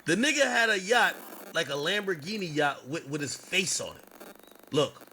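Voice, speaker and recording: A man's voice: a little high, normal speed, a little hiss or hum, rough recording. A man on a stream telling a long story in a casual, profane way, acting out what people said. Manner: animated, profane, acts out quotes.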